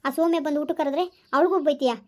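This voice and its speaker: A fast-talking man playing a calm, reassuring son, in a homemade family drama who keeps the peace at home. He soothes and coaxes, ending lines with 'okay?'. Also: extremely high pitch. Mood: coaxing. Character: calm grown son, peacemaker between mother and wife. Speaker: village skit actor.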